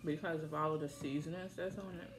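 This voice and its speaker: Chewing woman with a lowish voice. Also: quick pace, roomy sound, noisy background. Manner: relaxed, musing, talks between bites. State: chewing while talking. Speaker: eating-show vlogger. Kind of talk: casual eating-show chat. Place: home.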